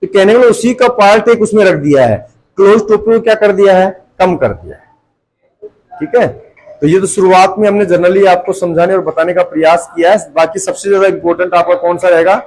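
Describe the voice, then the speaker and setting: A man's voice: high voice, quick pace, darkish tone, rough recording. A man teaching a grammar class to students, repeating his points and asking again and again whether they follow. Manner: repeats points and checks understanding with constant rhetorical questions. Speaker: tuition teacher. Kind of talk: classroom lecture.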